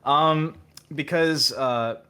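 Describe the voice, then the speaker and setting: A male guest musician in casual interview chat, hesitant with many fillers and restarts, with dry, low-key humor. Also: very slow, sharp tone.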